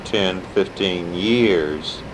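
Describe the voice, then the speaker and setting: An older man reminiscing in a halting, deliberate way, pausing often as he is interviewed for an oral history. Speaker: interviewee, civil rights activist. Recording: noisy tape with low rumbling hum.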